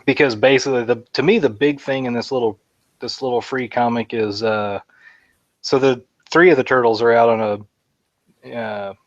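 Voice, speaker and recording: A man's voice: mid-range voice, fairly even intonation, normal speed, no room sound, highs cut off. A man co-hosting a podcast, chatting casually and rambling with lots of fillers. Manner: rambling, enthusiastic fan talk with many fillers. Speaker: podcast co-host. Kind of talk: casual chat.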